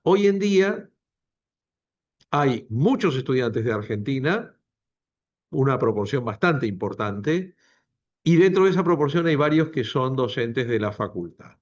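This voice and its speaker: A doctoral program director opens a book presentation with an emphatic speech, repeating key phrases to stress them, in a university lecture room that is also streamed to a video call. His medium-pitched voice is animated, measured in pace, and broken by frequent pauses. The sound is lo-fi.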